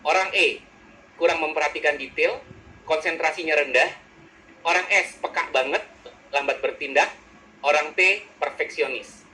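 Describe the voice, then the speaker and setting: A male psychologist giving a lively webinar lecture over a video call, joking and acting out personality types in quick quoted voices. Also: a little high, a little hiss or hum, low-quality recording.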